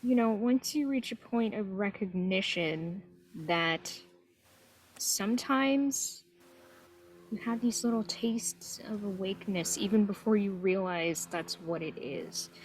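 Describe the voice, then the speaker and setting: A woman's voice: mid-range voice, slow. Woman co-hosting a chill spiritual talk, thoughtful and agreeable, little bit of hiss behind her. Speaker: podcast co-host. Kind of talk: conversational spiritual discussion. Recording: faint background noise.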